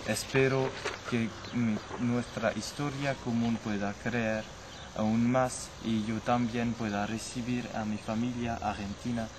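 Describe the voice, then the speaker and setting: This French-speaking narrator from the French Basque Country delivers his prepared personal testimony slowly and haltingly, often restarting partway through words. His mid-range voice barely moves in pitch, and background noise and loud music sit behind him.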